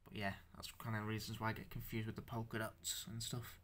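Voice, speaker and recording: A young man with a bright, forceful voice shows off his handmade figures in a loose show-and-tell. He stammers, restarts and swears as he goes, and he sounds unused to talking out loud. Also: lowish voice, monotone. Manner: halting, stammering, swears, self-conscious. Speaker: stop-motion creator showing his figures.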